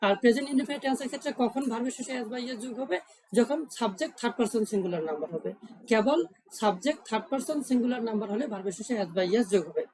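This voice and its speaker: A woman's voice: fairly high pitch, animated, rapid-fire, a little mellow, poor audio. A woman teaching English grammar rules step by step. She asks questions and then answers them herself, and she repeats the key points.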